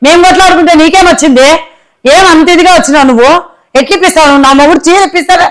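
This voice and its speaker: Woman playing a fiery wife, scolds fast nonstop, super high voice. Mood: scolding. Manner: rapid scolding tirade.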